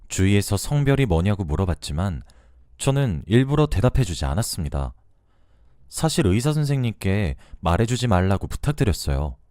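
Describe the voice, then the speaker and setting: A man's voice: on the low side, a little mellow, no echo, studio quality. A man narrating a first-person story in a confiding storytelling manner.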